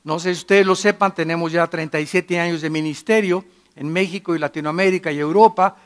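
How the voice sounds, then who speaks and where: In a brisk, smooth, steady-toned sermon, a middle-aged pastor speaks to his congregation with emphatic force. His voice is unusually high for a man, and he shifts between booming declarations and hushed asides.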